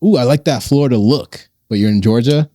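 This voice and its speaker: A man born in Guyana and raised in New York, telling animated stories as a guest in a casual chat. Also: medium pitch, fairly quick, no echo. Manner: animated storyteller, repeats himself, laughs.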